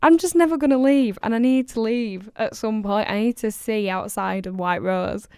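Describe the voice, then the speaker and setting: A woman's voice: fairly high pitch, normal speed, a little mellow, clear, resonant tone, no room sound, studio quality. Playful young Yorkshire woman chatting. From Yorkshire, England. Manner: chatty, playful, self-mocking. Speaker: podcast co-host. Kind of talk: casual chat.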